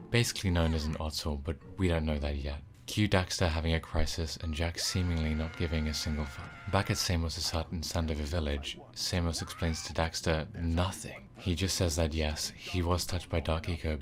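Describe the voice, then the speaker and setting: A man reading scripted video game review narration in an informal, wry way. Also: a bass voice.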